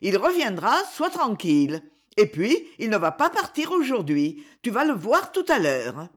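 A woman's voice: mid-range voice, wildly swooping pitch, unhurried. A woman voicing a kind, cheerful young woman who reassures children. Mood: kindly. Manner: warm, reassuring.

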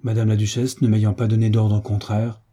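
A man's voice: on the low side, little pitch movement, moderate pace, warm tone, slightly rough. A man voicing a deferential valet who speaks formally and respectfully. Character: deferential male valet of a duchess.

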